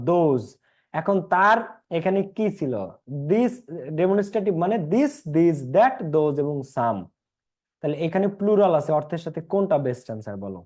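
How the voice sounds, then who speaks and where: A man's voice: high-pitched, dark tone. A young man with a Bangladeshi Bengali accent teaching an English class online, repeating points and quizzing his students.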